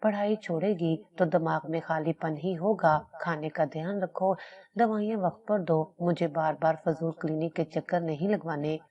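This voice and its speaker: A woman's voice: low-pitched, fairly even intonation, dull audio, close to an everyday voice. A woman voicing a harsh, strict father who speaks in a severe way.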